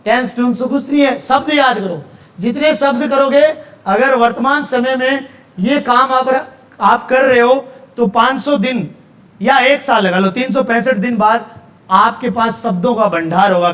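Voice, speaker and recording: A man's voice: very high voice, moderate pace, fairly bright tone. A male teacher with a Haryanvi accent giving a classroom lecture, explaining step by step and checking in with his students often.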